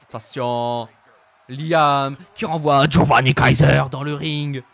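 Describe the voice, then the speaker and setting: A man giving playful play-by-play commentary on a wrestling game stream, excitable and laughing, bursting into shouts. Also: mid-range voice, slow, vocal fry.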